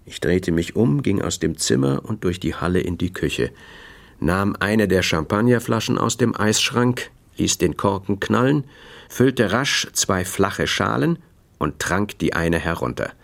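A man reading a first-person audiobook in a dry, measured, matter-of-fact way. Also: low-pitched, lively intonation, vocal fry. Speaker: narrator.

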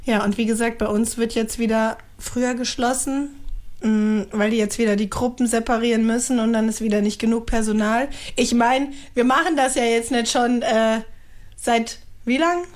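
A woman's voice: on the high side, steady tone, normal speed. A woman in her thirties chatting casually as a mother, often laughing as she talks. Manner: chatty, laughs while talking. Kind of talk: casual chat.

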